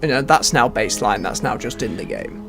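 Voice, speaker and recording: A man's voice: medium pitch, animated, brisk. A man giving rambling, understated casual commentary as he plays a game. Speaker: game streamer. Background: game music.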